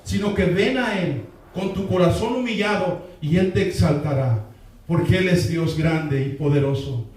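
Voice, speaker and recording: A man's voice: a little high, moderate pace, darkish tone. A male pastor preaching a sermon, repeating his key lines and calling on the congregation to answer. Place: church sanctuary. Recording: echoey hall, voice from far off the mic.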